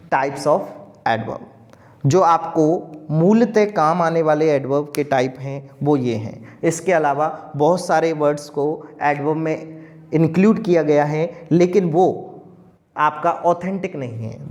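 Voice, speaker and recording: A man teaches an online grammar class. His voice sits a little high, and he talks at a very slow, deliberate pace. He keeps asking the class a question and then answering it himself. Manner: slow, drawn-out explaining, asks questions and answers them himself.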